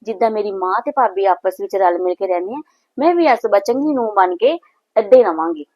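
A woman's voice: mid-range voice, fast, no echo, dull audio, close to an everyday voice. A woman playing a hot-tempered married daughter who resents her brother's wife, speaking with a Punjabi accent in a short film. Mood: remorseful musing. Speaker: the daughter of the house.

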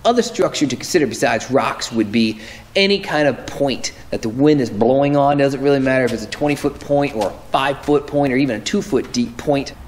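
Filmed close up in an indoor tackle room whose wall is full of lures, a fishing-show host in his thirties explains his techniques a little fast in a medium-pitched voice. He keeps it casual and instructional, correcting himself as he speaks, with slight background noise.

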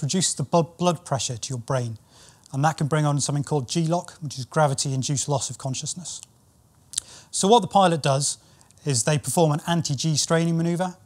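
A British man in his thirties giving an explainer presentation in a measured, explanatory way. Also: on the high side. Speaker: company training specialist and former military pilot.

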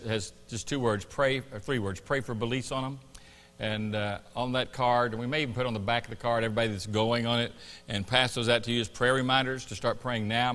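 A man's voice: lowish voice, a bit bright. A middle-aged man giving a conversational church sermon as a pastor. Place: church sanctuary stage. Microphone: lapel. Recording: long hall reverb.

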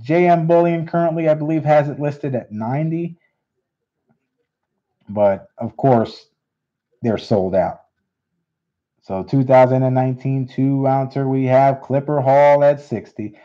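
A man hosting a live coin auction, repeating bids in steady auctioneer patter. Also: medium pitch, a little slow, long pauses. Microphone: unseen, hands on camera. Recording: dull lo-fi stream audio.

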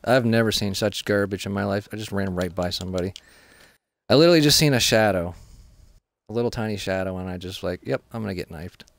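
Low gravelly man ranting over gameplay. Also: quick pace, dry recording. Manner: frustrated, profane running complaints. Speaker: gameplay commentator. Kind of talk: casual gameplay commentary.

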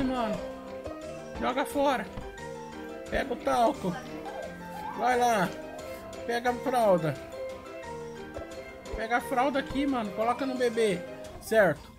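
A middle-aged Brazilian man giving casual, excitable gameplay commentary full of slang and exclamations, recorded in a room at home. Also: very high-pitched, measured pace, vocal fry, long pauses. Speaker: gaming video host. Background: music.

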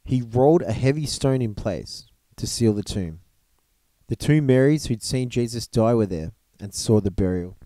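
A man reads a story aloud at an unhurried pace, now and then stumbling and restarting a phrase. His voice is mellow and warm. The recording is close and dry, with no room sound. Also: medium pitch, expressive, no echo. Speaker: reader of a storybook gospel. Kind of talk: reading a book aloud.

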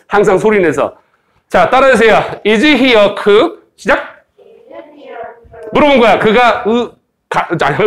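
A man teaching an English grammar lesson in Korean, playful and joking with students, slowly modeling English phrases for them to repeat. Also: high voice, fairly bright tone. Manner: playful, joking, teasing students, sound effects. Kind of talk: lively recorded grammar lecture.

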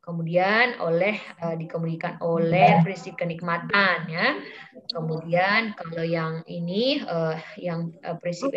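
A woman's voice: fairly low pitch, a bit bright. A middle-aged woman giving an informal psychology lecture, chatty and full of fillers, acting out quoted exchanges. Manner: chatty, many fillers, acts out quoted dialogue. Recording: slightly dull lo-fi audio.

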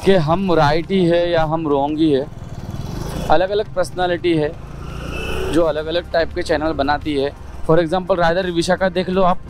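Chatty high-voiced man vlogging. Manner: explains in numbered points, mixing English words; chatty, asks rhetorical questions. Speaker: motovlogger. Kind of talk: casual talk to camera.

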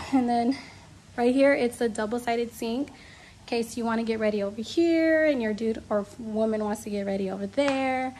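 A young woman with a fairly high voice gushes her way through a casual room tour, recorded on a handheld phone. A steady layer of background noise sits under her voice as she moves from room to room and out onto an open terrace. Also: moderate pace. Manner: gushing, enthusiastic. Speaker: travel vlogger. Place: villa rooms and outdoor terrace. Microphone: handheld phone camera.

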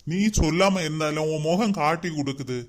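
A man voicing a concerned, gently coaxing father in a cartoon. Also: a little high, fairly quick, natural voice. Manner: coaxing, questioning.

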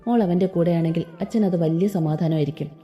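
A woman voicing a loving, remorseful middle-aged father in a Malayalam audio story, speaking gently and tenderly. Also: fairly low pitch, fairly quick, natural voice. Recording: slightly dull with soft background music.

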